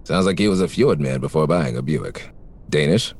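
An actor playing a wisecracking, world-weary private detective, deadpan, in a parody noir audio drama. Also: male voice, extremely low pitch, moderate pace, heavily acted. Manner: deadpan, hard-boiled wisecracking. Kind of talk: parody noir narration and radio drama acting.

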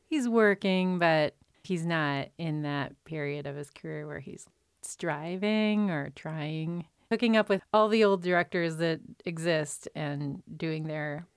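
A woman's voice: sits low, unhurried, clear, resonant tone, no echo, studio quality. A woman co-hosting a podcast, chatting casually about films and laughing easily. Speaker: podcast co-host. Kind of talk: casual film chat.

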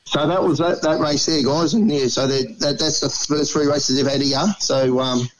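A man's voice: fairly high pitch, fairly even intonation, normal speed, a loud crowd, low-quality recording. A man with an Australian accent chatting casually as a radio correspondent, in a blokey, plain-spoken tradesman's manner. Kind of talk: casual chat.

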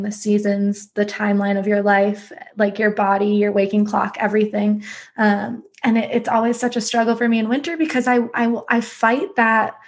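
A woman hosts a podcast in a relaxed, chatty way, laughing often and peppering her talk with filler words. Her pitch sits in an ordinary middle range. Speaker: podcast host. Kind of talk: casual conversation.

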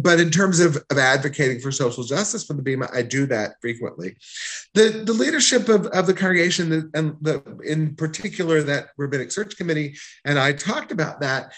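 A man's voice: medium pitch, a bit bright. A man who is a rabbi, answering interview questions in a thoughtful way, often repeating words as he gathers his thoughts.

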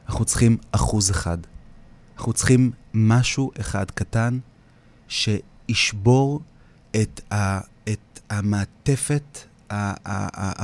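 Israeli man, earnest interviewee, low voice, repeats lines for emphasis, reflective founder talk. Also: gravelly, darkish tone. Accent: Israeli Hebrew. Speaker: founder of a community singing project.

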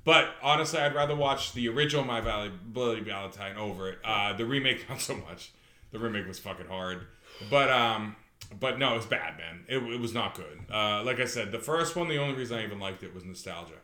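A man's voice: fairly low pitch, fairly quick, pushed and bright. A man co-hosting a casual podcast who gives blunt, profane, emphatic opinions. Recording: roomy echo.

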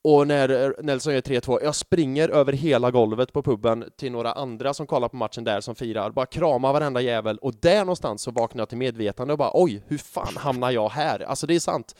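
A man in his thirties chatting casually on a fan podcast, telling stories in an animated way with plenty of swearing. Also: medium pitch, hardly any pauses, no room sound, clean studio sound. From Sweden. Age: 30s. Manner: animated storytelling with lots of swearing and fillers. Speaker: podcast co-host.

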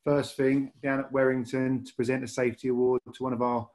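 Speaking briskly in a flat, medium-pitched, slightly mellow voice, this Lancashire man rambles, repeating words and restarting often. He's a rail industry manager appearing as a guest in a casual podcast interview.

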